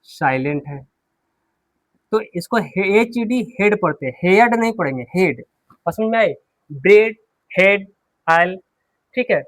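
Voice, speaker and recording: A man's voice: sits high, animated, measured pace, pauses often, a bit bright, no echo. Man with teaching english class, keeps asking then answering himself, dry close sound. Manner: asks the class questions and answers them himself, repeating key words. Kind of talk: classroom lesson, explaining at a board.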